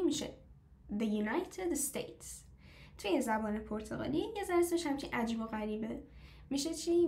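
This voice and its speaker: Female teacher, slightly high voice, patient stepwise explainer who quizzes her class; echoey room. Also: darkish tone, a little hiss or hum. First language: Persian. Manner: explains step by step, asks the class questions; slows down to model foreign phrases. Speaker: language teacher. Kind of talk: live online class.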